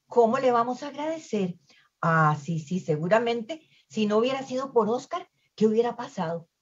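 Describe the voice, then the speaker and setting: A woman's voice: on the high side, expressive, moderate pace, husky, muffled recording. A woman voicing chattering sea-creature ladies gossiping admiringly. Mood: gossipy.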